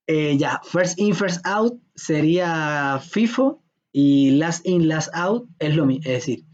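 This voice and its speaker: A man's voice: a little high, animated, extremely slow. A man giving an informal programming lecture in a chatty, joking manner, often checking that his students follow. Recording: dull lo-fi lecture recording.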